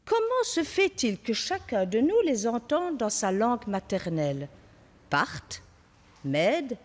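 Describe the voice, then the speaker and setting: A woman giving an expressive, lively reading of scripture in church. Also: fairly high pitch. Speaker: scripture reader. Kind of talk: Bible reading. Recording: distant, long church reverb.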